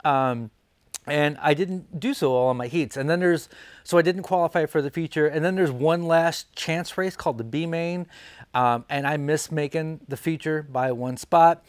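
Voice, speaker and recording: A man's voice: on the high side, a little hiss or hum. A man, hosting a woodworking channel and talking casually to camera, with lots of ums and uhs as he stands and gestures. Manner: chatty, many fillers, standing and gesturing. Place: indoor studio with colored backdrop.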